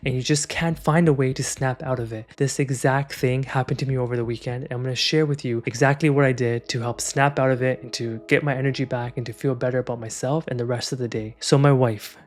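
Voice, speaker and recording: A man's voice: mid-range voice, fairly even intonation, fast, few pauses. A man in his thirties telling a personal story in a frank, conversational way, then guiding the listener through a breathing exercise. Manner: conversational, frank, with many fillers like "like". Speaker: meditation guide. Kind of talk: casual storytelling and guided breathwork.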